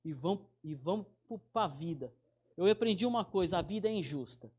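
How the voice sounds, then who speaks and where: A man's voice: high-pitched, expressive, a little mellow, breathy edge. Guy preaching, talks straight to you, calls folks brother, stops and restarts a lot. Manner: informal, direct, addresses listeners as brother; halting restarts. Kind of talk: conversational sermon.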